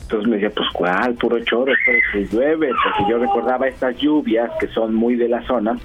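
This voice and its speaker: A man, a guest journalist chatting on a radio interview, talking at length with many fillers and pauses. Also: mid-range voice, fairly even intonation. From Mexico. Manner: talkative, thinking aloud with many fillers. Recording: dull lo-fi radio line, faint music.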